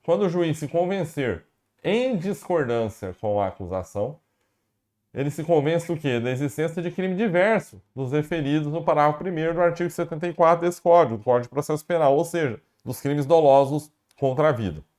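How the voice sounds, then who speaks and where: A man's voice: fairly high pitch, a little fast, darkish tone. A man with a Brazilian Portuguese accent lecturing on law for exam prep, repeating key definitions and asking and answering his own questions. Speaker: law professor.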